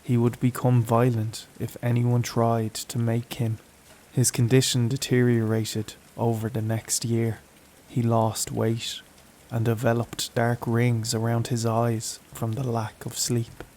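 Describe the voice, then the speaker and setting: A man narrating a horror story in a slow, even, somber read. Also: medium pitch, slight background noise. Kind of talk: scripted narration.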